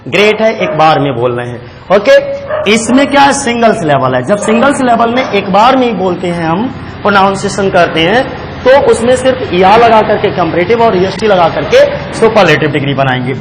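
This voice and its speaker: A man's voice: high voice, sing-song, brisk, long reverb tail, noisy background. A man from India teaching English grammar in a coaching class, repeating key points and asking himself questions before he answers them. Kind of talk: classroom lesson.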